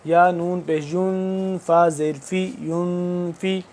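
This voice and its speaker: A man teaching Quranic recitation word by word. He draws out each recited word slowly, then explains the rules in quick speech. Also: high voice, flat delivery, darkish tone. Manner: alternates slow drawn-out recitation with quick spoken explanations.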